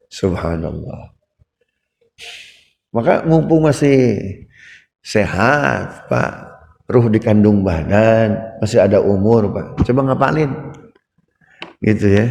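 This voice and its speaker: A man preaching a hadith lecture in a large mosque, lively, often asking his listeners questions. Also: on the high side, gravelly. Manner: lively, keeps asking the audience questions and tags "Pak". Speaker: Islamic preacher. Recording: echoey hall with long reverb.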